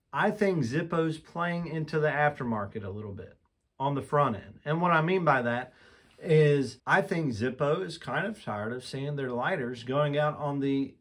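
A man with a slightly raised speaking pitch reviews a collectible lighter from his display room. He talks candidly and with enthusiasm, breaking off and restarting sentences as he gathers his thoughts. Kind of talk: casual product review vlog.

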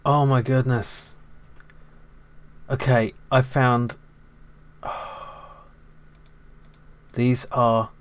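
A man's voice: medium pitch, little pitch movement. A middle-aged man hosting a retro computing video, muttering casually and mocking himself as he explores old files. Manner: muttering, self-deprecating, quick to laugh. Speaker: retro computing channel host.

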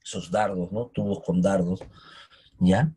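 A man's voice: low voice, a little slow, dark tone, slightly rough. A man teaching history, who keeps asking his listeners questions and coaxing answers. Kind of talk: recorded history lesson.

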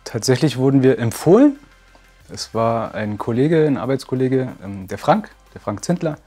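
A man's voice: medium pitch, sing-song, moderate pace, dark tone, husky. 40s guy, runs a martial arts school, plain upbeat testimonial, faint music under it. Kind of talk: testimonial interview. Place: bright room with curtains, indoors.

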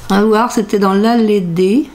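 Hunting through her purchases in her craft room at home, a middle-aged woman who vlogs about crafts talks casually to camera, thinking out loud and repeating phrases in a sing-song way. She speaks at a measured pace in a mid-range, fairly even, slightly mellow voice, with a little hiss or hum.

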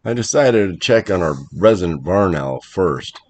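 A man narrating a first-person horror story in a measured, dramatic way. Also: low-pitched, expressive, a little mellow.

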